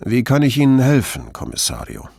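A man's voice: medium pitch, huge pitch swings, fairly quick, creaky, dark tone, dry recording, studio quality, voice pushed up, full character voice. A man voicing a reserved male family doctor who speaks in a neutral, guarded tone.

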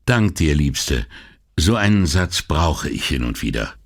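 A man's voice: rumbling low, very animated, measured pace, heavily acted. A man voicing a tired, earnest middle-aged police detective in an audiobook. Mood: weary.

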